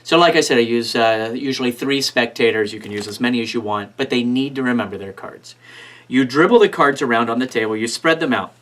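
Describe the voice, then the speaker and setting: A man's voice: mid-range voice, fairly quick, a bit bright. A man giving casual, step-by-step card magician patter, teaching a trick and addressing imagined volunteers as he demonstrates.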